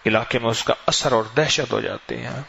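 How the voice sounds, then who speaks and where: A man delivering a sermon as a preacher, telling stories with sweeping rises and falls in his voice. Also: creaky. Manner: storytelling with lively swings in pitch. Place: mosque gathering. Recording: dull lo-fi recording with faint noise.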